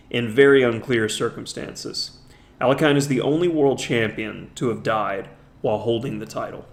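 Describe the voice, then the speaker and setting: A man teaching chess, talking through a classic game move by move. His voice sits at a middle pitch, and he draws out the words he wants to stress with open enthusiasm. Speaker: chess instructor. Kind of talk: narrated chess game analysis.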